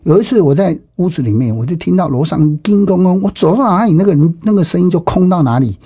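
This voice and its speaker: A middle-aged man with a Taiwanese Mandarin accent recounts his life in an emphatic testimony, full of exclamations and repeated phrases. His voice is dark and husky, and it sounds dry and close with little room sound. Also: high voice, lively intonation, fast, no echo. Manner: emphatic, with frequent exclamations and repetitions. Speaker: interviewee giving personal testimony. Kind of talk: personal testimony storytelling.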